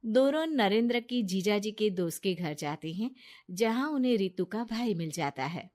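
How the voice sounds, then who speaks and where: A woman narrating a cartoon moral story in a plain, steady way. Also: medium pitch, moderate pace.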